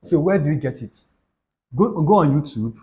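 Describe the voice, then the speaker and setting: Fairly high-pitched and warm, with lively intonation at a normal speed, a young Nigerian man with an Igbo accent hosts a YouTube channel. He gives a preachy, repetitive motivational talk to camera, throwing in Pidgin asides.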